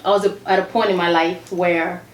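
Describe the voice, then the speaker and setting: An earnest woman from Congo DR, raised in Zambia, speaks as a gospel singer in a casual interview, with a slightly low voice. She repeats herself and laughs often. The room is echoey, with a faint noise underneath. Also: level tone, fairly quick.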